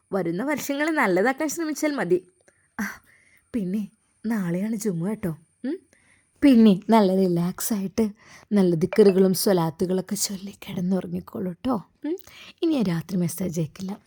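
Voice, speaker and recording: Lady doing a gentle devout young woman in a storybook, coaxing, kinda hushed, middle pitch.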